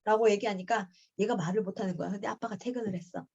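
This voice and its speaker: A woman's voice: medium pitch, fast, gravelly, darkish tone, slightly rough, muffled recording. A middle-aged woman tells a personal story in a book club, acting out quoted lines with a raised voice. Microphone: video call.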